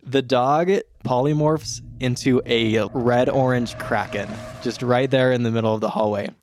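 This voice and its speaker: A man's voice: medium pitch, steady tone, moderate pace, darkish tone. Casual male game master, noisy background. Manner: casual, conversational. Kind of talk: improvised tabletop game narration. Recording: clear background noise.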